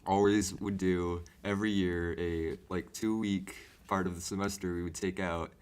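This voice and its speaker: A man's voice: low-pitched, fairly even intonation, moderate pace, a little mellow, clear, resonant tone. A man on a podcast panel casually telling an anecdote in a colloquial way, often checking with "right?".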